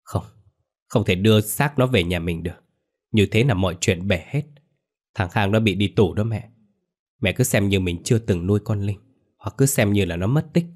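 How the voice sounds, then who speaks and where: A man's voice: on the low side, moderate pace, long pauses, a little mellow, lightly acted. A man voicing a middle-aged mother who weeps and pleads, blindly protective of her son. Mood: cold pleading. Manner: pleading, weeping. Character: middle-aged mother, doting, tearful, callous.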